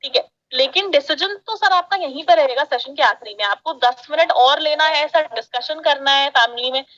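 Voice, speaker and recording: A woman's voice: high voice, normal speed, fairly bright tone, muffled recording. A woman working as an education sales counselor, pressing a parent on the phone and talking over his objections. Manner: pushy, persuasive, talks over the caller. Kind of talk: sales call.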